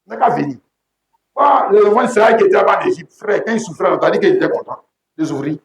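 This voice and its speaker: High-voiced preacher, echoey room. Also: male voice, expressive, quick pace, creaky, dull audio. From Côte d'Ivoire. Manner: emphatic, repetitive preaching with frequent shouted exclamations. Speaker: pastor. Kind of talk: sermon.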